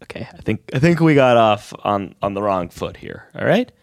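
A man's voice: on the low side, lively intonation, normal speed, gravelly. A man improvising a prim, evasive daycare manager who turns flustered and defensive. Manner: flustered, defensive, falsely polite. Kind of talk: improv sketch.

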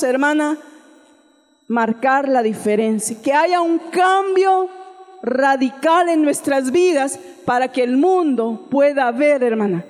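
Woman preacher, Central American Spanish accent, high voice, long church-hall reverb. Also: a little mellow. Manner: addresses listeners as sister, adds frequent amen. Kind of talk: sermon.

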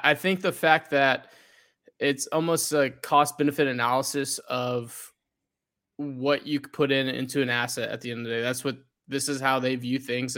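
A man of middle pitch talks as a guest in a relaxed podcast chat. He speaks earnestly but haltingly, often restarting and repeating words before he finds his point. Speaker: podcast guest, fan media creator. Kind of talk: casual podcast interview.

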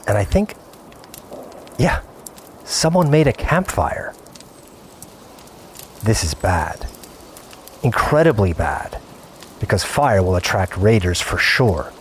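In first-person scripted audio drama narration, a man plays an earnest, obsessive gamer confiding his play session in short, broken-up phrases, wary and tense. His fairly low voice is sing-song, slow and full of pauses, with a little hiss or hum.

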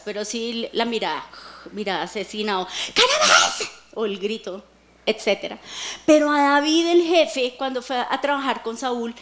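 Lively, high-voiced woman preaching. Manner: animated, dramatic storytelling with humorous asides. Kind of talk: sermon.

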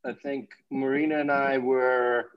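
A man's voice: medium pitch, level tone, a little slow, smooth. A man hosting a podcast, chatting casually and rambling with fillers. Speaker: podcast host. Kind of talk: casual chat. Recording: dull lo-fi audio.

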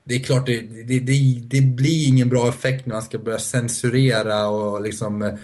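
A man's voice: medium pitch, flat delivery, darkish tone. A man talking on a podcast panel, hesitant and restarting often, laughing between points. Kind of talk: casual podcast discussion.

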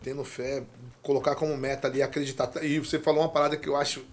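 A male guest in a casual chat, joking and animated as he tells stories. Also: on the high side, very fast, soft background music.

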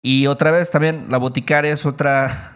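A man's voice: a little high, steady tone, normal speed, a bit bright, clear, resonant tone. A man, co-hosting a podcast language lesson, often agreeing with short affirmations and offering English equivalents. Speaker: podcast co-host. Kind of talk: casual conversational language lesson.

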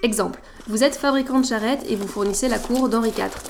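Woman, podcast host, bright higher voice, playful teacherly read, faint music under. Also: brisk. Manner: playful, didactic, teasing asides. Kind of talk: scripted educational podcast.

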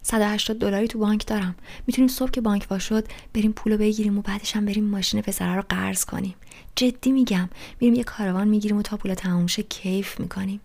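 A woman voicing a restless teenage boy who rants loudly about everything in an audiobook reading. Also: medium pitch, fairly even intonation, close to an everyday voice. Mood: pleading. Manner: loud, rushed, ranting complaints.

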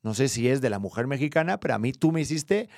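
A man's voice: mid-range voice, expressive, fast talker, a little mellow, no echo, studio quality. A man from Spain with a Spanish accent, co-hosting a casual chat in an easygoing, teasing way. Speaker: podcast co-host.

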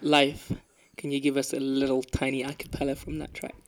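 A man's voice: medium pitch, monotone, brisk. A man interviewing a guest in a casual conversation, often stammering and repeating words as he starts his questions.

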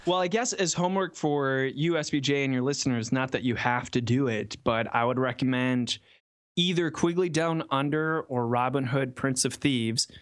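A man with a medium-pitched, smooth voice co-hosts a podcast, chatting casually at a moderate pace. The sound is studio quality with no echo.

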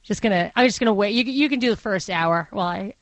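A woman's voice: mid-range voice, fast talker, no echo. A woman with a Brooklyn accent hosting a radio talk show, speaking conversationally and thinking aloud in opinionated digressions. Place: radio studio. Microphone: close studio microphone.

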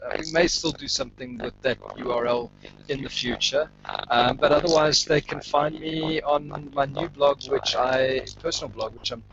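A man appearing as a podcast guest over a video call, speaking in a relaxed, hesitant way with many fillers. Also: medium pitch. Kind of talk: casual podcast chat. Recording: muffled video call with clear background noise.

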